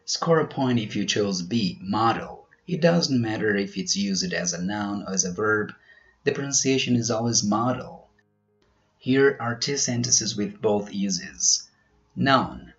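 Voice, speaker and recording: A man teaching pronunciation in a scripted quiz, slowly over-articulating each example word. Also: on the low side, animated, a bit bright, highs cut off, faint music behind. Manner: slow, careful, over-articulated delivery of example words.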